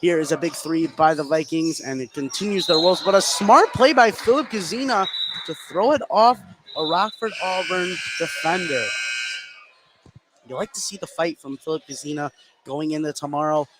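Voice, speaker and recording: Over loud gym ambience, a man with a fairly high voice calls a basketball game play by play at normal speed. He's a sports announcer working courtside in an indoor high school gym, on a noisy live broadcast.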